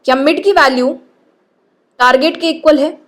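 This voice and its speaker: A woman with a high voice gives a coding lecture. She walks through each step patiently and keeps checking that her listeners follow along. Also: normal speed. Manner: explains patiently, often checks in with "ठीक है". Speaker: programming teacher.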